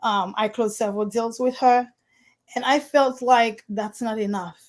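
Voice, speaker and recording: A woman's voice: fairly high pitch, steady tone, unhurried. A woman from Haiti, a realtor guest in an interview, telling her story in an earnest way, with slightly non-standard phrasing. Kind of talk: conversational interview.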